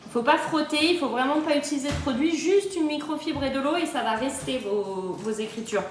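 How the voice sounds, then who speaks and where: A woman's voice: sits high, brisk, roomy sound, slight background noise. A woman working as a kitchen-appliance sales adviser, chatting casually and cheerfully on a phone livestream and answering viewer comments. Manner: chatty and upbeat, often laughing. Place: on holiday, recorded in an echoey spot.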